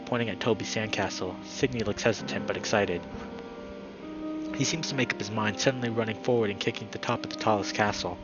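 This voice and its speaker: Fairly low-pitched and with the highs cut off, this man speaks as a live streamer, shifting between friendly chat and reading a story aloud. He sounds upbeat and friendly, getting excitable when he greets viewers.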